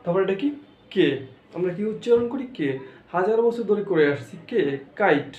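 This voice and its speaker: Man teaching pronunciation, Bengali first language, high voice, drills each sound over and over. Roomy and a bit muffled. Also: a little fast, darkish tone. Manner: repeats each sound many times, asks "okay?" often. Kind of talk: spoken lesson to learners. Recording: roomy, dull lo-fi sound with faint noise.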